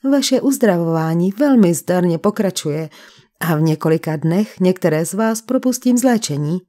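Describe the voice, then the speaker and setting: A woman voicing a falsely friendly male sanatorium doctor who smoothly persuades his patients, in an audiobook. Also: on the low side, lively intonation, mellow, close to an everyday voice. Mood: persuasive.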